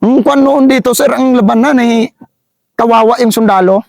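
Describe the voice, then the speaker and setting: Man, Visayan accent, middle-aged, halting, repetitive, gravelly, dry close sound. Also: extremely high pitch, a little mellow, no room sound. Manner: halting, repeats phrases, keeps saying "sir". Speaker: army sergeant telling a war story. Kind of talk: interview storytelling.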